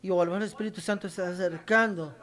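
Preacher, mid-pitched, sermon with scripture reading; emphatic repetition, talks straight to the congregation. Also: fairly even intonation, rapid-fire, fairly bright tone. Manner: emphatic, repeats key phrases for stress; addresses the congregation directly.

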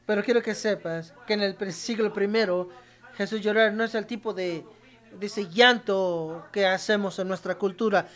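Preacher, mid-pitched, sermon with scripture reading; emphatic repetition, talks straight to the congregation. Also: a bit bright. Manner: emphatic, repeats key phrases for stress; addresses the congregation directly.

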